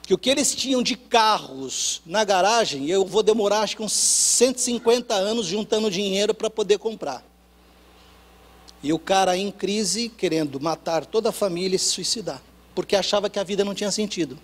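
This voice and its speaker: A Brazilian man preaches with a high, carrying voice. He drops to hushed, low lines, then climbs back up to loud, rising ones. He acts out the dialogue in the stories he tells. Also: a little fast. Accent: Brazilian Portuguese. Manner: storytelling with acted dialogue. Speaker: pastor. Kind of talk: sermon.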